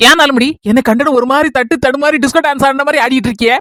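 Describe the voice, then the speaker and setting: Woman, Kanyakumari Tamil accent, comic skit, scolding, nagging, high voice, dry close mic. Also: quick pace, no room sound. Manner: scolding, nagging, sharp-tongued. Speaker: comedy skit performer.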